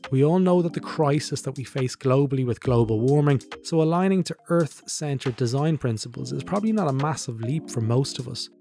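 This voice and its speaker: A man hosting a podcast, asking easygoing, measured questions. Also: mid-range voice, warm tone. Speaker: podcast host. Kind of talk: podcast interviewing.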